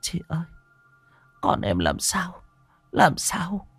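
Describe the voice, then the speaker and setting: A faint, breathy young mother , as a male storyteller puts her on, pleading in a thin, raised voice that drops almost to a whisper. Close and dry. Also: a little high, huge pitch swings, slow pace, a bit bright, dry recording, faint music behind, voice pushed up, exaggerated voice.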